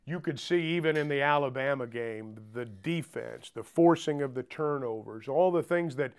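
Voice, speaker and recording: A man in his sixties hosting a basketball show from courtside in an arena, speaking in a measured broadcaster's way on a lapel mic. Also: mid-range voice, smooth. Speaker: host and play-by-play announcer.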